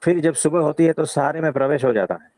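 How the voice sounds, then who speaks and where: A man's voice: fairly high pitch, fast talker, slight background noise, low-quality recording. A man as a spiritual teacher answering questions in a satsang, explaining patiently and often checking in with his listener. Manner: calm, patient explaining with frequent "है ना?".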